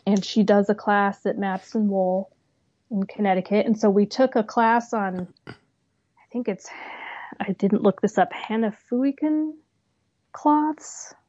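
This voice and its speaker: A woman's voice: medium pitch, a little slow, dark tone, no echo. A woman talks casually about her stitching projects in a rambling, friendly flow, her sentences often drifting off unfinished. The sound is a little dull and lo-fi, and very dry, with no room behind her. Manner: chatty, rambling, trails off with "so". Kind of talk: casual chat.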